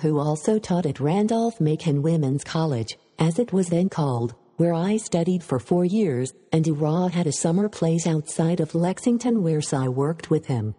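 Very dark, husky synthetic female voice. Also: low-pitched, in a large hall. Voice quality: synthetic computer-generated voice, husky. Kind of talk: scripted reading of interview answers.

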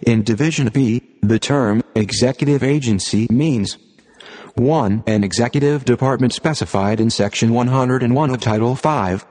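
A computer-generated man's voice reading formal text aloud as scripted narration, in an impersonal, measured manner. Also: medium pitch, darkish tone. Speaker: narrator of an audio reading series. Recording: long hall-like reverb.

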